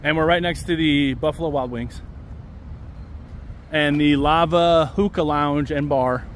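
A man's voice: on the high side, a little slow. Man musing aloud on a street walk. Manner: relaxed, musing aloud, points things out as he walks. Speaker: vlogger giving a walking tour. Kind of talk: casual walking-tour narration. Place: outdoors along a busy city street. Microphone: handheld camera mic with a front selfie view. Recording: outdoor street with faint traffic noise.

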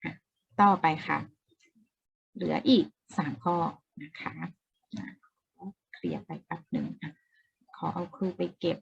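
A woman's voice: low-pitched, wildly swooping pitch, measured pace, creaky, long pauses, slightly rough, dull audio. A woman teaching an English exam-prep lesson in a casual way, explaining step by step, repeating key words and asking the viewer questions.

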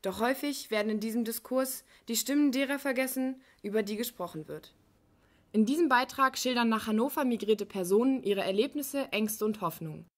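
Higher-voiced woman reading formal narration. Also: brisk. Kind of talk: scripted narration.

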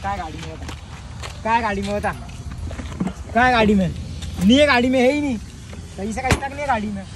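Young male actor as angry rider, very high voice, rapid confrontational delivery, amateur roadside skit. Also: lively intonation. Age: young adult. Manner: confrontational, insistent, repeats commands. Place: open roadside near a flyover. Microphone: phone camera a few feet away. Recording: noisy outdoor phone video, traffic ambience.

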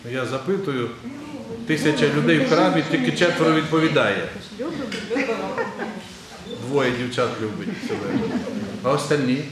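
A man's voice: medium pitch, normal speed, long pauses, a loud crowd. A man, an Orthodox metropolitan, preaching a sermon in a large church and quizzing the congregation in a conversational way. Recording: very echoey church with faint ambient noise.

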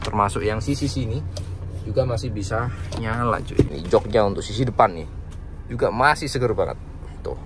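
Speaking a little fast with a lowish voice, a man presents a used car for sale in a relaxed, slangy, upbeat walkaround video. Filming happens outside by the car and in the cabin, and the background noise from outdoors and the car comes through clearly.

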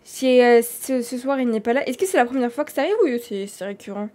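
A woman with a French accent, a streamer doing live game role-play, talking in an animated and dramatic way. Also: fairly high pitch. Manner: animated, dramatic, quick swings in loudness.

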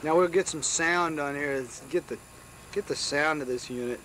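An upbeat man behind the camcorder chats and narrates what he films. His voice is fairly high for a man. The sound comes from an old VHS home video with clear tape noise. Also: moderate pace, fairly bright tone, poor audio. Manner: chatty, upbeat, narrates the filming. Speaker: camera operator. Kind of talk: casual home video commentary.

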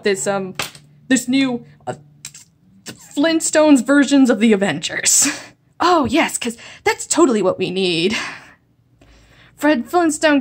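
A woman ranting in a vlog, exasperated and sarcastic, often stumbling and restarting her sentences. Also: a little high. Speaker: comic-book video blogger.

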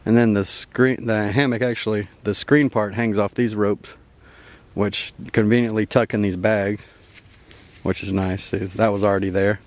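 A camping vlogger, a young man with a lowish voice, rambles casually around his riverside campsite at a moderate pace, his intonation fairly even and his chuckles frequent. The handheld camera mic catches faint outdoor noise during this easygoing outdoor camp tour.

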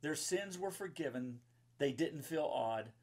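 A pastor in his fifties reads and speaks to kids in a book-lined indoor room, explaining a Bible story in plain, simple phrases. He sounds expressive, a little high and darkish in tone, keeping a measured pace.

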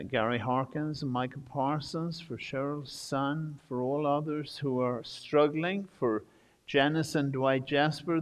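Slow priest under cathedral echo. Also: male voice, mid-range voice. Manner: slow, measured intoning. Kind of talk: liturgical prayer at Mass. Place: large church. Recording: long church reverb.

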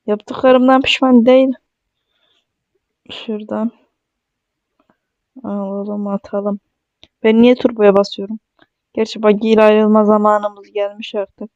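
High, chatty young gamer guy. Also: clear, resonant tone, no echo, lo-fi sound. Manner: chatty and excitable, jokes and talks straight to viewers. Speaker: mobile gaming streamer. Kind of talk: casual gameplay commentary.

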